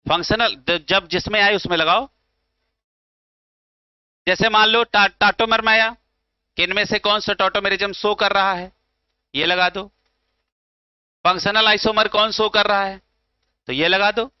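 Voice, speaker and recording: A man's voice: high-pitched, fairly even intonation, a little slow, pauses often, smooth, dry recording. A man teaching chemistry in Hindi, with a north Indian accent, putting questions to his students and answering them himself, calling them beta. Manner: calls students beta and bhaiya. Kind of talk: classroom lecture. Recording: slightly dull, dry sound.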